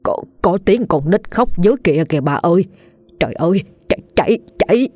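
A woman's voice: low voice, animated, moderate pace, a little mellow, slightly rough. A woman voicing a frightened old peasant man who stammers and trembles in a ghost story.

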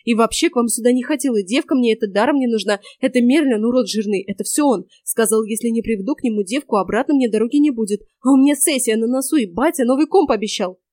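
A woman voicing a brash, cheeky young male student who talks in rough slang and grumbles. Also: fairly high pitch, fast, few pauses, warm tone, dry recording, lightly acted. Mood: panicked blurting. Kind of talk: audiobook character voice.

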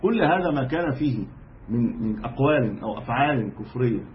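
A man with an Egyptian accent delivers a religious lesson at a brisk clip, emphatic and explanatory, restarting phrases as he goes. The recording is dull and lo-fi, with a faint hiss underneath. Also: mid-range voice, lively intonation. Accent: Egyptian Arabic. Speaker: sheikh teaching a lesson.

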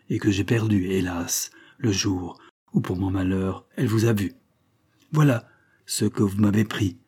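A man voicing a jealous, anguished prince who pleads his case vehemently in a story reading, with a husky, mellow voice. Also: on the low side. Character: anguished jealous prince, a wronged noble husband.

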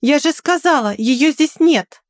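A woman reading an audiobook and voicing a bold young woman who defends her friend with sharp, threatening words. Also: fairly high pitch, moderate pace, no echo, studio quality, lightly acted. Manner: sharp, threatening, then coaxing.

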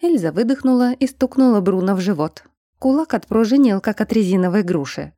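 A woman narrating an audiobook in a steady, measured storytelling manner. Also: mid-range voice, no echo, clean studio sound. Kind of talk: scripted narration.

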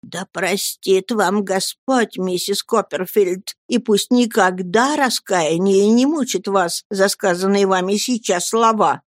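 Woman doing a meek, quiet old housemaid. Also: mid-range voice, takes it slowly, hardly any pauses, dry recording, studio quality.

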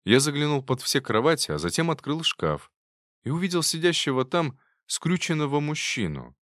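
A man narrating a novel in the first person, wry and expressive. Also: on the high side, moderate pace, no echo, studio quality. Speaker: audiobook narrator.

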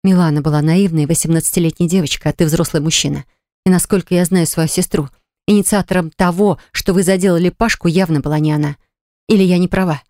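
A woman narrator voicing a stern, sharp-tongued young woman who scolds and mocks in an audiobook. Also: on the low side, steady tone, quick pace, no room sound, clean studio sound, lightly acted. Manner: mocking, scolding.

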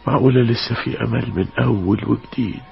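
An actor playing a grieving, weary husband who speaks in a mournful, sighing, despairing way with an Egyptian accent, as in a 1960s Egyptian radio drama. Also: male voice, medium pitch, fairly even intonation, quick pace, creaky, dull audio, faint music behind. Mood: heartbroken. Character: grieving middle-aged husband, heartbroken and weary.

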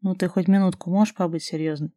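A woman reading the part of a confident young man in love, speaking softly and calmly. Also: on the low side, fast, dry recording, studio quality, natural voice. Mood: tender teasing.

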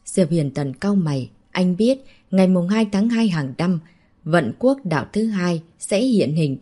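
A woman narrating a martial-arts novel as an audiobook in an even, dramatic storytelling manner. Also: lowish voice, a little slow.

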